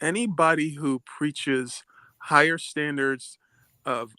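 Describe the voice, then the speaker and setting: A male caller on a live stream, arguing his point calmly and persistently. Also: a little high, takes it slowly, dry recording. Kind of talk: live-stream call-in debate.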